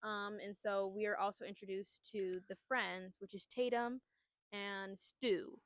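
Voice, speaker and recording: A woman's voice: mid-range voice, steady tone, unhurried, no room sound. A young woman co-hosting a podcast, casually retelling a horror movie plot in a chatty, rambling way. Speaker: podcast co-host. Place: outdoors at a picnic.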